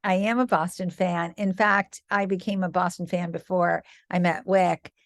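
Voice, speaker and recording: On a podcast interview, a company founder in her fifties from Michigan recounts her story with warmth and easy laughter. She speaks at normal speed in a fairly low voice with fairly even intonation, and the studio-quality recording has no echo.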